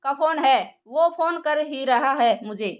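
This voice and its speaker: Sweet hesitant young girl in love, high voice, as a woman reads her. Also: expressive, slow, dull audio. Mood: eager.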